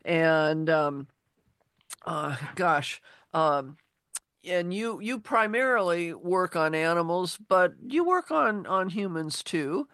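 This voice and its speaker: A woman's voice: lowish voice, expressive, slow pace, fairly bright tone, no room sound. A woman radio host talking into a studio mic, rambling and gushing with plenty of ums and little exclamations. The sound is close and dry, with no room around her voice. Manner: chatty and gushing, many fillers like gosh and golly. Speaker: radio talk show host. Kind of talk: casual radio chat. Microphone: studio microphone.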